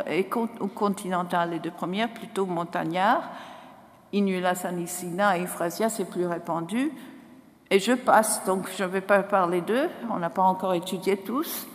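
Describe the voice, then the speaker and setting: A woman in her sixties from Ireland with a foreign, Irish accent in French, presenting at a conference in a halting, self-correcting way. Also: medium pitch. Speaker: botanist giving a conference talk. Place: large lecture hall, indoors. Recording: echoey auditorium with long reverb.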